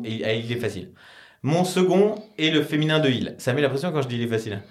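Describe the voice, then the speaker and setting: A man co-hosting a podcast, casually posing riddles in a playful, joking way. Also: mid-range voice. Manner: playful, joking, laughs often. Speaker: podcast co-host. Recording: roomy.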